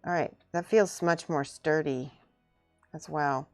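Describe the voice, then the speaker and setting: Speaking slowly in a slightly low voice, a woman chats casually with her live-stream viewers as she builds and paints miniature models. Her remarks are loose and informal, often half muttered to herself, while music plays softly behind her.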